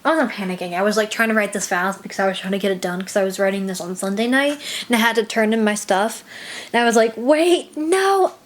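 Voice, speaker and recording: Young woman vlogger, medium pitch, rambly and self-conscious, recorded in an echoey room. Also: steady tone, fast, few pauses. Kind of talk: casual confessional chat.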